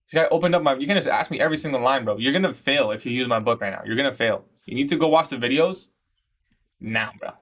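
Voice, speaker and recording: He's a fast talker with a mid-range, slightly bright voice. As a 21-year-old Iraqi livestream host and day trader, he comments on his trades and answers chat in a casual, slang-heavy style, calling his audience "bro."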